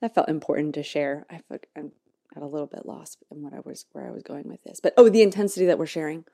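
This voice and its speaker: A podcast host thinks aloud in a reflective monologue, her low, mellow voice carrying vocal fry. She searches for words with fillers and many restarts, then slows way down to draw out key phrases. The sound is close and dry, with no echo or room.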